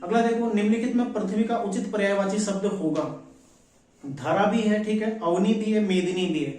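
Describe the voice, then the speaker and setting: Over background music, a man with a high voice and moderate pace goes through exam practice questions as a teacher would, asking things and answering them himself. He keeps saying "ठीक है", and he sounds far off in an echoey room.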